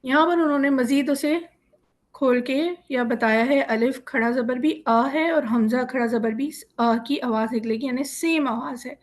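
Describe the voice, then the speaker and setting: A woman teaching Quran reading in a slow, clear lesson, sounding out syllables one by one and patiently explaining the rules step by step over a video call. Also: high voice.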